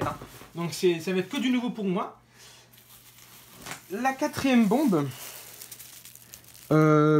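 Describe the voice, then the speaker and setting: A woman's voice: medium pitch, slightly rough. Hesitant woman doing casual unboxing talk. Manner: hesitant, many fillers and self-corrections; informal, talks straight to viewers. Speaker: fireworks channel host.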